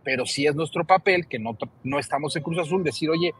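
A man's voice: fairly high pitch, a little fast, a bit bright. Mexican man explaining, faint noise behind. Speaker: sports show co-host. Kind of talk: heated panel debate.

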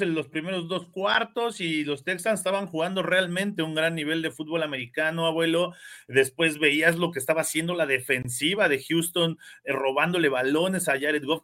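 A man's voice: a little high, bright, forceful tone. A man hosting a sports talk show, presenting emphatically and addressing his co-hosts directly.

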